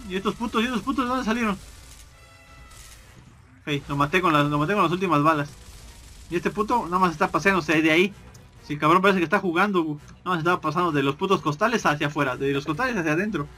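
Bright foul-mouthed gamer. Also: male voice, on the high side, fast talker, faint music behind. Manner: crude, joking, swears constantly. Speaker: gameplay commentator. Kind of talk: casual gameplay commentary.

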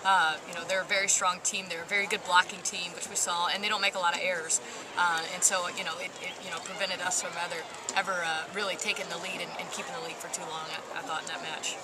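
A woman in her thirties, a volleyball coach, answers postgame questions in quick bursts full of "you know". She sits courtside in a large indoor arena, talking into a headset microphone. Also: fairly low pitch, level tone. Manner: rapid, filler-heavy answers with frequent "you know". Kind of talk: postgame interview. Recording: arena crowd and background noise.

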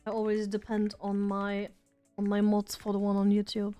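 In a casual live stream, a woman chats and rambles in a self-deprecating way even as her voice fades. Her mid-range voice is warm and smooth but completely flat in delivery, at a normal speed, with soft background music.

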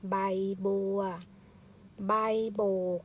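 A woman's voice: extremely slow, mellow. A woman teacher leading a first-grade reading lesson, reading word by word and spelling out each syllable. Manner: reads syllable by syllable, spelling out sounds. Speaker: primary school teacher.

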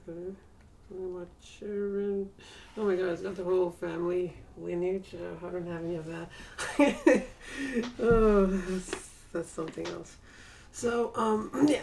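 A woman's voice: medium pitch, darkish tone, far from the mic, a little hiss or hum. A forty-year-old woman vlogging casually from her bedroom, rambling and hesitant with many fillers. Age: 40s. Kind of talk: casual personal vlog. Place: small cluttered bedroom indoors. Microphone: built-in webcam mic at desk distance.

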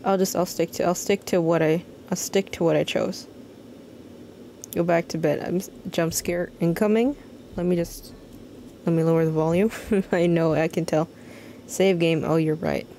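A woman's voice: fairly low pitch, steady tone, normal speed, dark tone, slight background noise. A woman live-streaming a horror game, reading dialogue aloud and making nervous, scared asides to chat.

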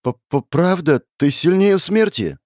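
A man's voice: fairly high pitch, very animated, fast talker, darkish tone, dry recording, studio quality, voice pushed up. A man voicing a frightened young boy who stammers shakily in an audiobook. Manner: stammering, shaky.

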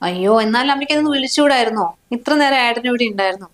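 Woman acting as a worried young wife, bit high voice, keeps begging him to hush. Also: rapid-fire, lightly acted. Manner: pleading, tries to hush her husband. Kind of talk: short film acting.

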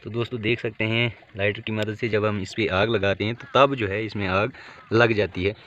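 A man's voice: on the low side, fairly even intonation, moderate pace, a bit bright. A man with a Jammu and Kashmir Hindi accent giving a step-by-step outdoor how-to demonstration, talking into a handheld phone camera. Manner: explains step by step, addressing friends. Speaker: beekeeping channel host. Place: outdoors on bare ground. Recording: dull lo-fi phone audio, faint outdoor noise.

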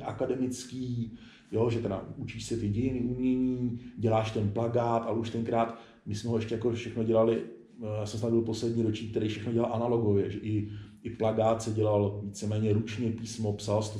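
A man in his forties, an illustrator and studio founder, is interviewed at a table in an indoor spray-paint shop. His mid-range voice has a warm tone, and he speaks casually and reflectively, restarting sentences and stressing his points. The sound is roomy with faint background noise.

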